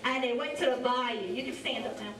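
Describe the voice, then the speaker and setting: A woman's voice: a little high, brisk, a crowd in the background. A woman telling stories to children as an educator, theatrical and interactive. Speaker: storyteller and French educator. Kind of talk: animated live storytelling for children. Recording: echoey hall, distant microphone.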